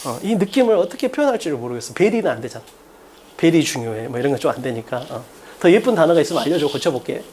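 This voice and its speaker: Fast, lively Korean English tutor. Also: male voice, on the high side, a little hiss or hum. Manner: blunt, casual, swears, asks students rhetorical questions; repeats key phrases often. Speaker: English teacher. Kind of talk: lecture.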